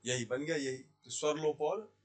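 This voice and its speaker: Questioning Hindi grammar teacher, bit high. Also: male voice. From India. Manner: asks questions then answers them himself, repeats key words slowly. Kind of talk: classroom lesson explaining sandhi. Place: Jaipur language institute.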